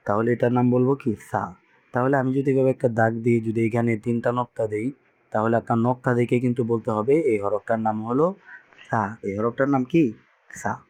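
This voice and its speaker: A man's voice: medium pitch, darkish tone. A man teaching Quran reading to beginners, patiently repeating each letter sound for learners to echo. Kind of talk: teaching Arabic letters with call-and-response drills.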